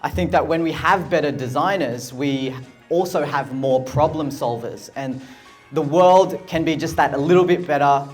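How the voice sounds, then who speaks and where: A man's voice: fairly high pitch, normal speed, few pauses, a little mellow, soft background music. A friendly, upbeat man from Australia with an Australian accent, chatting casually in a vlog and giving a motivational talk as a design speaker. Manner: friendly, upbeat, chuckles often.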